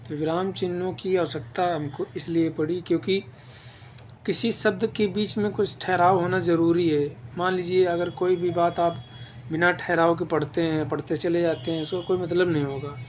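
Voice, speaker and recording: A man's voice: high-pitched, steady tone, moderate pace, a little hiss or hum. A man teaching an exam-prep grammar lesson, explaining patiently and checking in with his listeners as he goes.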